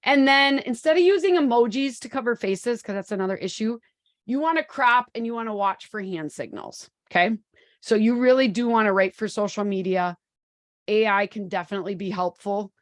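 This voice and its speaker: A woman's voice: a little high, a little fast, no echo, clean studio sound. Upbeat chatty woman in her forties. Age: 40s. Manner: upbeat, chatty, many fillers. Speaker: webinar presenter. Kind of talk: live webinar presentation.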